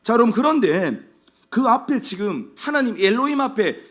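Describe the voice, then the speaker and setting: A man preaching a Sunday sermon in a strikingly high voice. His pitch swings widely as he drives his points home with repeated phrases and rhetorical questions. The delivery is that of a senior pastor addressing his church. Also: sing-song, moderate pace, a bit bright. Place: church sanctuary.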